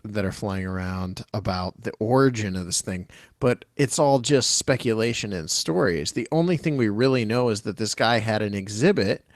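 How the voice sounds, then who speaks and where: A man's voice: lowish voice, normal speed, hardly any pauses, no room sound, studio quality. A man co-hosting a podcast, chatting casually and skeptically, often restarting his sentences. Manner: hesitant, many restarts, skeptical. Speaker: podcast co-host. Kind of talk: casual chat.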